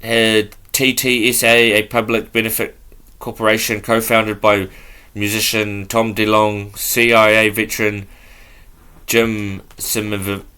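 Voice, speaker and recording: A man hosting a podcast speaks slowly in a fairly low voice with a bright, forward edge to it. He reads aloud from notes in a halting, offhand way and trips over unfamiliar words. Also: flat delivery, clean tone. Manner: halting, stumbles over words while reading; offhand and loose. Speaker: podcast host. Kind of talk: casual talk, reading aloud from notes.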